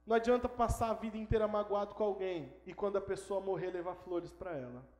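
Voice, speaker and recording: A man's voice: sits high, quick pace, darkish tone. A male pastor giving an emphatic sermon in church, driving points home by repeating words. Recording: echoey church hall.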